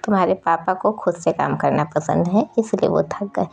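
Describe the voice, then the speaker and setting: A woman voicing a gentle, protective young father who speaks reassuringly in a storybook reading. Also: lowish voice, moderate pace, gravelly, a little hiss or hum. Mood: tender. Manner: tender, reassuring. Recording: dull lo-fi recording.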